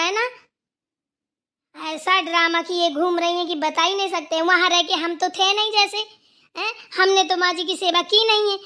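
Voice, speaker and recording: Lady doing a mouthy young daughter-in-law, super high bright voice, taunts everyone, cartoon. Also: heavily acted. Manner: taunting, sharp-tongued. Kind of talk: cartoon voice acting.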